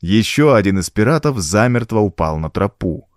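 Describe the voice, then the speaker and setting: A man's voice: fairly low pitch, big pitch swings, moderate pace, dry recording, studio quality. A man narrating an adventure audiobook with dramatic storytelling.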